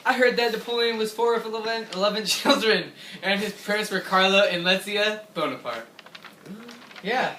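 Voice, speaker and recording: A man's voice: high voice, normal speed, pushed and bright. A man anchoring a mock newscast for a school project, casual and giggling as he reads, recorded far off in an echoey room. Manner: casual, laughing while reading. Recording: echoey room, far from mic, background noise.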